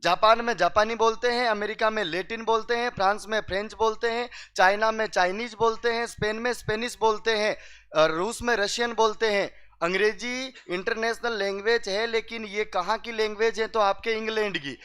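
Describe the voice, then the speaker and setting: A man's voice: high-pitched, steady tone, normal speed, a bit bright, smooth. A man telling comic stories to a class, quizzing the listeners and repeating each punchline. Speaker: teacher telling jokes to students.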